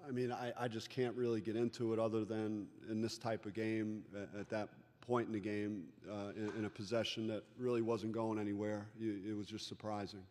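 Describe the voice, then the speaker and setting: Flat-voiced middle-aged coach in a reverberant room. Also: male voice, fairly low pitch, slight background noise. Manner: measured, frequent restarts and "you know" fillers. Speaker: head basketball coach. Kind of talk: postgame press conference answers. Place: press conference room. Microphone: table microphone. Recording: long reverb of a large room.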